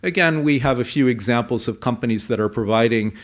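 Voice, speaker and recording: A man presenting a conference talk, explaining with a measured pace and frequent fillers. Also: medium pitch. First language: English. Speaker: conference speaker. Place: conference hall.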